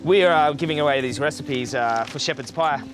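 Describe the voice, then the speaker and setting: A man with a fairly high voice talks casually, like an activist chatting with someone he has met. Music plays clearly behind him. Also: fairly quick. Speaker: vegan activist. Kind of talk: casual chat.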